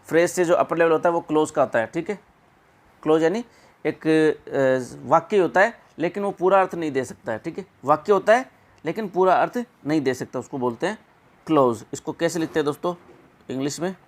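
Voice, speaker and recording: Man teaching, drawing out repeated words. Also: a little high. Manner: repeats words slowly and drawn out. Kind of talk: exam-prep English pronunciation lesson.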